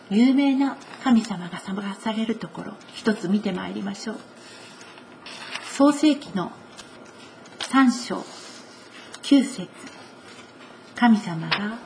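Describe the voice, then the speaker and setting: A woman preaching a conversational sermon with a Kansai accent, voicing quoted lines with shifts in pitch. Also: creaky, a little mellow, slight background noise. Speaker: pastor.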